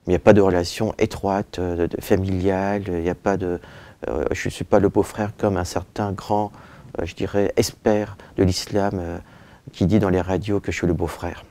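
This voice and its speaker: A man's voice: sits low, flat delivery, moderate pace, dark tone. A man in his forties, born in Turkey and raised in France, answering interview questions in an office, hesitating with fillers, then pressing his points. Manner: frequent "euh" and "je dirais" fillers, hesitant then emphatic. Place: indoor office with bookshelves. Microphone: lapel mic.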